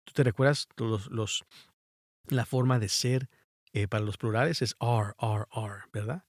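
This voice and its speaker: A man's voice: mid-range voice, fairly even intonation, unhurried, dry recording, clean studio sound. A man with Spanish as his first language, teaching English grammar in a bilingual lesson, patiently spelling out letters and repeating each rule.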